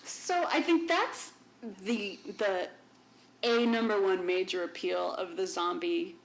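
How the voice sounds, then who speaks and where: A woman's voice: mid-range voice, slow pace, slight background noise. A woman co-hosting a podcast in casual chat, musing and self-aware, often trailing off. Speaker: podcast co-host.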